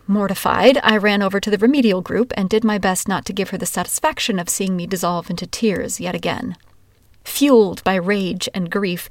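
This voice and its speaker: A woman's voice: medium pitch, no echo. Casting: woman narrator, first-person memoir read, wry and candid, dry close sound. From Washington, USA.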